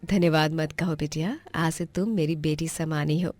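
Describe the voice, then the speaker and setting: A woman voicing a kind, gentle older mother who talks softly and soothingly. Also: low-pitched, steady tone, moderate pace, dry recording, natural voice. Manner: soft and soothing.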